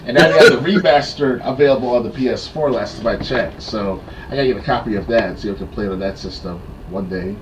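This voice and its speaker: A man co-hosting a gaming podcast, remembering old games in a halting way full of fillers. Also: mid-range voice, distant mic, heavy background noise. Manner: halting, filler-heavy recollections. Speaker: podcast co-host. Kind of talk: casual gaming chat.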